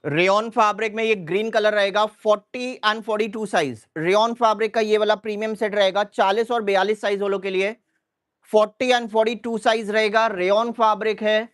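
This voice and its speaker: Brief: high-pitched male seller on a live sale stream, repetitive price-and-size patter. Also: fairly even intonation, a bit bright. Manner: repeats sizes and prices in a brisk listing rhythm.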